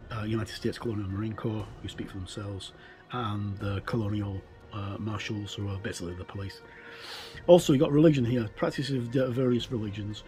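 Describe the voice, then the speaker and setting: A middle-aged man, a game reviewer, talks through a book casually in a mellow voice on the low side, stopping, hesitating and correcting himself often.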